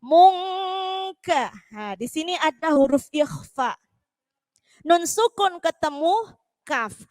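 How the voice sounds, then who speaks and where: A woman teaching a Quran recitation lesson online, repeating syllables and chanting verses slowly for students to follow. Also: high-pitched, sing-song, no room sound. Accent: East Javanese.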